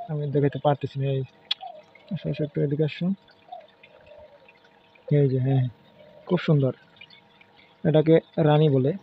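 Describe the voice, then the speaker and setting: Man with a tinny phone-like sound. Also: on the high side. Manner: chatty, pointing and naming fish one by one. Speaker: aquarium hobbyist showing his fish. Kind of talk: casual home video walkthrough. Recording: phone-like lo-fi sound with faint noise.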